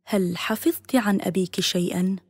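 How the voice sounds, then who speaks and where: A woman narrator voicing a wise, calm man in a told story, measured and kindly. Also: medium pitch, no echo, clean studio sound, lightly acted.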